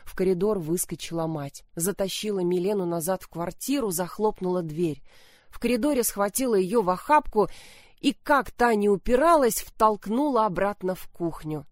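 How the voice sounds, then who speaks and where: A woman's voice: medium pitch, moderate pace, no echo, clean studio sound. A woman reading a story aloud as scripted narration, telling it expressively. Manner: expressive storytelling, shifting voices for the characters. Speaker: audiobook reader.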